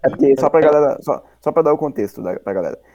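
A man's voice: on the high side, expressive, fast talker, mellow, no room sound, dull audio. A young man telling a story in a slangy, rambling way full of fillers on a casual podcast.

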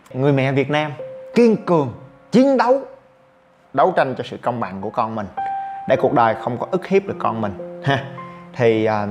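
A man from Vietnam hosting a podcast, telling a story in a lively casual monologue and acting out the voices of the people in it. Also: mid-range voice. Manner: animated, acts out quoted voices, exclaims often. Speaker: podcast host.

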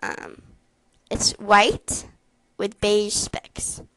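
A woman's voice: medium pitch, huge pitch swings, drawn-out words, a bit bright, slight background noise, rough recording. A woman chatting casually through a gross jelly bean taste challenge, giggly and squeamish. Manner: giggly, squeamish, lots of laughing. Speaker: co-host.

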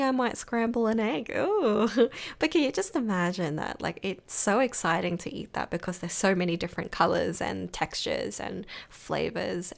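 A woman's voice: mid-range voice, creaky. A young woman, hosting a podcast in a rambling, reassuring way, her morning voice cracking. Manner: rambling, reassuring, many fillers. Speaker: podcast host. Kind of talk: casual solo podcast talk.

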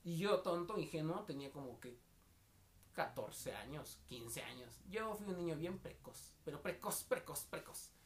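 On a casual podcast, this young co-host from the State of Mexico spins slangy stories, mimicking everyone he quotes. He has a Mexican Spanish accent and a fairly high, expressive voice delivered at a measured pace.

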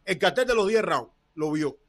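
A man's voice: high-pitched, expressive, moderate pace, fairly bright tone. A man co-hosting a boxing show, arguing heatedly and repeating himself over and over. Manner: insistent, repeats phrases over and over. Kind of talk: heated debate.

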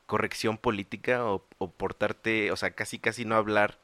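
A man hosts a relaxed interview, chatty and full of slang. His voice is fairly low but bright and forceful. The sound is dry and close. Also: normal speed, dry recording. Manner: chatty, slangy, asks follow-up questions. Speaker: host. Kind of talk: casual interview conversation.

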